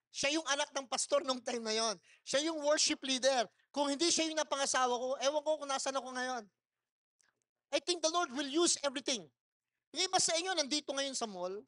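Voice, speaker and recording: High-pitched guy pastor preaching loud in a mall church, storytelling, laughs a lot. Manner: storytelling, mixing in English phrases; laughs often while telling stories. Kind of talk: sermon. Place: church service held in a mall.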